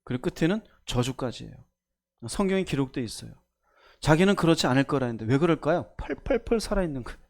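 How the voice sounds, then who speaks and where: A man's voice: medium pitch, expressive, fast talker. A man preaching a sermon as pastor, emphatic, asking the congregation questions and acting out voices.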